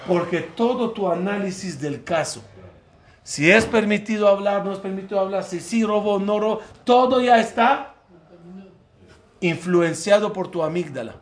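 A man's voice: high-pitched, moderate pace. A man, a rabbi, giving a Torah lesson to a class, putting questions to his listeners and acting out the dialogue in the stories he tells. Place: room with a live class.

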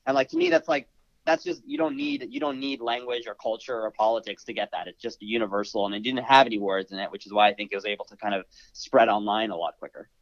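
Host, enthusiastic chatter, dry dead room, slightly muffled lo-fi sound. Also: male voice, on the low side, lively intonation, fast, creaky, no echo. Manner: enthusiastic, with filler likes. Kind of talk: casual conversation.

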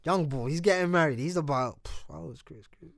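London bloke with a pretty high voice bantering on a podcast, slangy, keeps repeating himself to push his point, dry sound. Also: fast, vocal fry, no echo. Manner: repetitive, insistent, slangy. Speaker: podcast co-host. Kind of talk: casual banter and debate.

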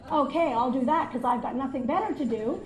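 A woman's voice: sits high, a little fast, a little hiss or hum. A woman doing a stand-up comedy routine, telling a story and acting out both sides of each conversation. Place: live venue with audience. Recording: echoey room with crowd.

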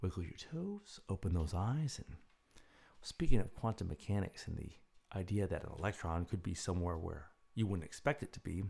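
A man with a fairly low voice and plenty of gravelly fry. He hosts in a casual, reflective style suited to chat and guided relaxation. His delivery is musing and conversational, with pauses for emphasis. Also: lively intonation, a little mellow. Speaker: host leading a talk and guided breathing exercise; assisted living home worker. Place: dining room at home.

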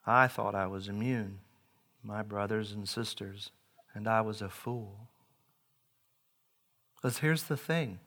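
A man in his forties preaching a sermon, earnest, rising loud on key lines and dropping quiet after. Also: lowish voice, slow pace, long pauses. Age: 40s.

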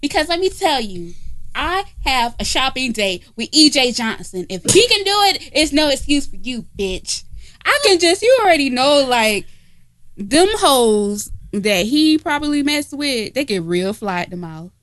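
A woman's voice: high voice, big pitch swings, unhurried, fairly bright tone. A woman co-hosting a casual comedy podcast from home, talking in a brash, profane, teasing way. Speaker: podcast co-host. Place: informal home setting, not a studio.

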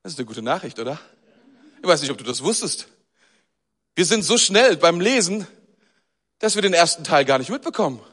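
A man giving a sermon as a pastor, talking conversationally and often turning to the audience with questions and animated emphasis. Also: fairly high pitch, fairly quick, pauses often, breathy edge, in a large hall.

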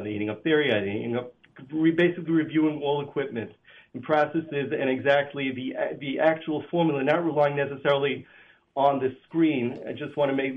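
A man on a speakerphone call, a kosher supervisor at a flavor plant, speaking in a halting way as he searches for words. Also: mid-range voice. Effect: phone on speakerphone. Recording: tinny phone line.

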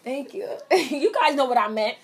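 A woman's voice: sits high, animated, normal speed, a little hiss or hum. A young woman co-hosting a podcast in loose, casual chat, laughing often. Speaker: podcast co-host.

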